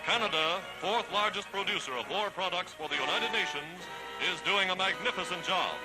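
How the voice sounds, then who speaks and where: A man's voice: sits high, moderate pace, poor audio. A man narrating a 1940s newsreel in a dramatic, declamatory, scripted style. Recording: vintage 1940s newsreel soundtrack, loud music. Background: loud music.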